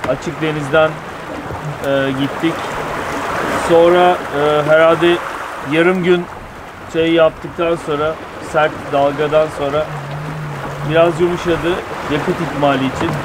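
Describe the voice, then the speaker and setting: A man's voice: a little high, slow. A middle-aged man on a sailboat at sea, chatting easily about the trip so far. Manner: relaxed, chatty, with easy laughs. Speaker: sailor recounting the voyage. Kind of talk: casual travel narration. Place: on a sailboat deck at sea, outdoors. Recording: wind and wave noise at sea.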